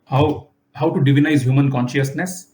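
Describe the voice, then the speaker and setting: A man's voice: mid-range voice, steady tone, moderate pace, mellow, a little hiss or hum. A man recaps an earlier lesson for his teacher. He speaks politely and hesitantly, with many "uh"s. He calls the teacher "sir" over the video call. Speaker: student. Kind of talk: casual recap in a class.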